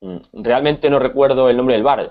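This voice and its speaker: A man from Spain with a Spanish accent, teaching a conversational Spanish lesson, pausing often with repeated words and fillers. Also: mid-range voice, phone-quality sound.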